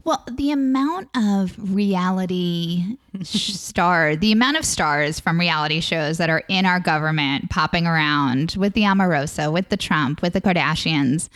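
An American woman from Long Island chatting casually as a podcast guest, with vocal fry in her voice. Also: lowish voice, unhurried, fairly bright tone. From Long Island, New York, US. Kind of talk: casual conversational chat.

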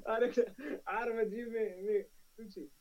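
A man's voice: high voice, steady tone, brisk, distant mic, dull audio. A man with a Moroccan accent in a casual tech discussion, speaking emphatically, repeating phrases and switching into French. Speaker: tech talk panelist.

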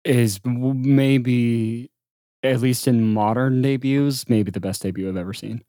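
Male co-host, casual and halting, mid-pitched, dry close sound. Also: dry recording. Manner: relaxed, hesitant, many fillers. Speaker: podcast co-host. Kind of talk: casual chat.

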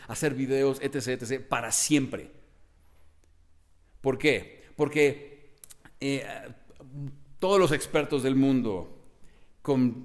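A young man coaching social skills in a lively, expressive teaching monologue that varies his tone and volume. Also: medium pitch. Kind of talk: motivational teaching monologue to camera.

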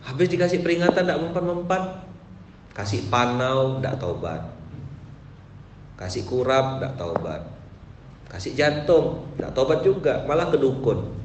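A man preaching a sermon to a gathering, moving from soft, quick asides to loud, drawn-out chanting of verses. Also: medium pitch, sing-song, noisy background. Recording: echoey room with faint ambience.

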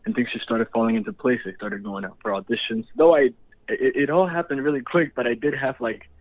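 A man's voice: mid-range voice, a little fast, no room sound. Laid-back young man on a phone line. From Dominican Republic. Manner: laid-back, laughs often, many fillers. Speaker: guest actor. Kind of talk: casual interview.

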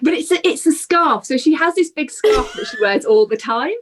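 A woman co-hosting a podcast, giving a wry, animated retelling in casual chat. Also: high voice, normal speed, a little hiss or hum. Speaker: podcast co-host.

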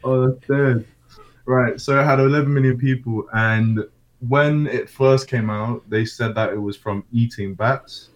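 A man's voice: medium pitch, fairly even intonation, unhurried, rough recording. A young man, co-hosting a podcast in casual street slang. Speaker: podcast co-host.

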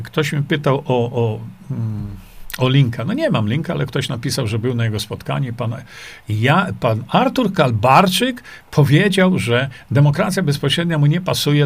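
A middle-aged man hosting a livestream, reading viewer comments aloud and answering them in a rambling, dismissive way, with many fillers and repeated rhetorical questions. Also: medium pitch. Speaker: livestream host.

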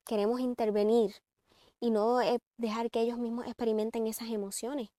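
A woman's voice: fairly high pitch, normal speed, no echo, clean studio sound. A woman giving earnest parenting advice in a reflective talk. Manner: earnest, advising, shifts between calm and emphatic. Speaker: parenting speaker.

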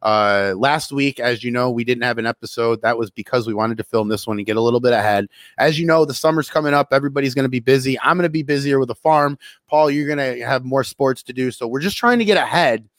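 Chatty podcast co-host, dry close sound. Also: male voice, medium pitch, fast, a bit bright, no echo. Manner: chatty, laughs often, acts out quotes. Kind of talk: casual podcast chat.

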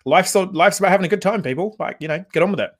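A man in his forties hosting a casual podcast conversation, telling stories in a chatty, animated way with many filler words. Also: high voice, rapid-fire. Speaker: podcast host.

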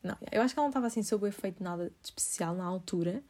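A woman's voice: mid-range voice, very fast, darkish tone. A young woman, telling a story to her viewers in a chatty way, full of fillers and laughter. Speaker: vlogger.

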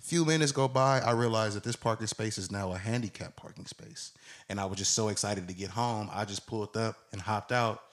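Speaking briskly in a fairly low voice, a man in his twenties tells a long, animated tale on his podcast. He casually impersonates the characters as he goes.

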